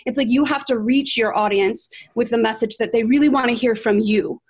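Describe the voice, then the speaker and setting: A woman's voice: a little high, a little fast, darkish tone, husky. A woman on a video call, a guest podcaster chatting with enthusiasm and lots of "like" and "right?". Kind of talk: casual video-call discussion.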